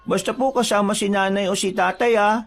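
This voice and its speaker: Timid polite village boy, as a male narrator puts him on, high voice, gravelly fry. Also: fairly even intonation, fairly quick, slight background noise. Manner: polite, uses respectful "po".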